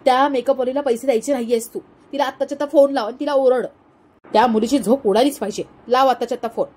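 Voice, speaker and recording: A woman voicing a domineering, short-tempered middle-aged mother-in-law who barks orders, in a soft, mellow, fairly high voice. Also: fairly even intonation, fast talker, slightly rough. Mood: bossy, scolding. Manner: scolding, bossy.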